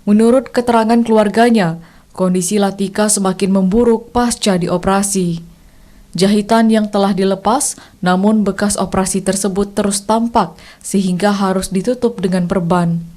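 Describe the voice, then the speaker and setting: A female news anchor reading scripted reports in a formal, measured way. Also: medium pitch, steady tone, dark tone.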